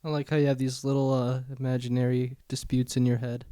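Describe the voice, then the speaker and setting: A man's voice: mid-range voice, little pitch movement, quick pace, warm tone, smooth, no echo. A man co-hosting a podcast, tossing in dry teasing comments during casual chat. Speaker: podcast co-host.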